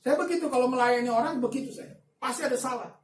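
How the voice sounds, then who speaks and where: A man preaching a sermon as a pastor, telling a story with lively swings between soft asides and loud emphatic bursts. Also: very high-pitched, fast, a little hiss or hum. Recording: echoey room, voice from a distance, faint ambience.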